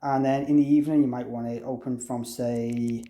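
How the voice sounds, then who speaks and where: A man with a mellow, mid-range voice speaks at normal speed in a level tone. He offers an informal, unscripted product tutorial, explaining conversationally and reasoning aloud as he goes, captured in an echoey, roomy room.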